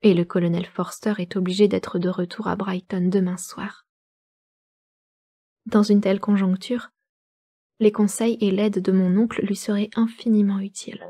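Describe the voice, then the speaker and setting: A woman reading aloud the letter of a distressed young woman, in a measured, sorrowful way. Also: medium pitch, little pitch movement, warm tone, dry recording, lightly acted. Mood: anxious.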